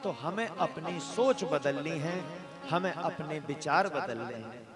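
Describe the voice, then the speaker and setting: A man's voice: on the high side, lively intonation, slow pace, over music. A man preaching a devotional story sermon, folksy, acting out family members' voices. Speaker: Ram Katha preacher.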